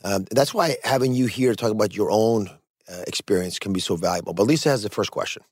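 A man's voice: fairly low pitch, quick pace, husky, no room sound, studio quality. A man hosting a talk show, earnestly putting questions to his guest.

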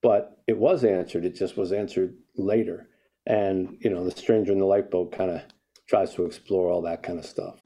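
Speaking at a normal speed in a low, dark, steady voice, this older author guest tells a story during a conversational interview. He reflects as he goes and frequently starts his sentences over.

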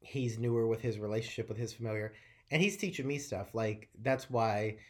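A man's voice: lowish voice, brisk. A man from North Carolina, co-hosting a show and telling a story in casual chat, rambling and swearing freely with lots of fillers. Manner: rambling, profane, animated storytelling with many fillers.

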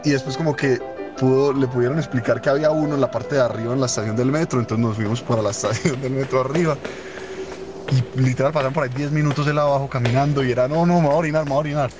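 A young man telling a funny anecdote in a rapid, rambling, amused way. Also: mid-range voice, steady tone, over music. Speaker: storyteller. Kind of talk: casual anecdote.

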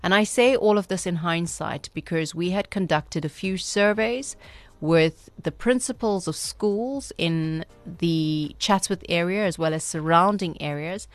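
A woman with a Durban Indian South African accent speaking as a radio interview guest, earnest and measured, with formal, emphatic wording. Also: on the low side, no echo. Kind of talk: radio interview, reflective storytelling.

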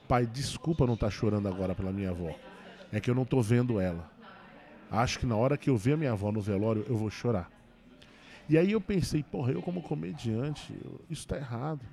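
A man, a stand-up comedian, telling a personal story in a casual interview, with quick emotional restarts. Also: mid-range voice, dark tone. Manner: fast, emotional retelling with many restarts.

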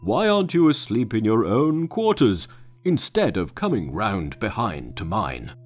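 A man voicing an old male patriarch teacher who speaks slowly and solemnly, drawing out each phrase. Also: on the low side, wildly swooping pitch, exaggerated voice. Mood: scolding. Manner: slow, solemn, drawn-out recitation.

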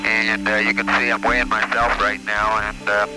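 A man, a spacecraft commander, talks to ground control over an archival space-to-ground radio link in a relaxed, halting way with many filler pauses. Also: on the low side, music in the background, rough recording. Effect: archival space-to-ground radio transmission. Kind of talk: casual radio check-ins with ground control.

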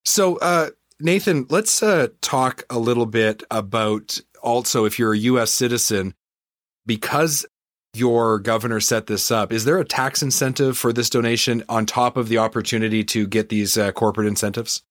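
A man's voice: medium pitch, normal speed, no echo, studio quality. A man hosting an interview show, speaking conversationally as he puts questions and addresses his audience. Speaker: show host.

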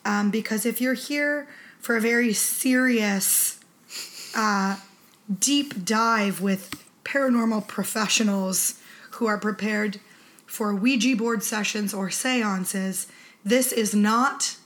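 A woman's voice: mid-range voice, takes it slowly, fairly bright tone, slight background noise. A woman hosting a podcast in casual chat, her voice affected by a flu-like sickness. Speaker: podcast co-host.

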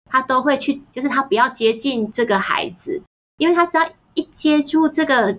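A woman's voice: sits high, normal speed. A woman, a parenting author telling family anecdotes as a podcast guest and mimicking the voices of her family. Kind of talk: storytelling in a podcast interview. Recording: slightly dull, muffled sound.

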